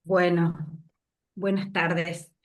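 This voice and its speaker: A woman giving an invited talk over a video call, moved and reflective, pausing often with fillers. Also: lowish voice, level tone. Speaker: invited speaker.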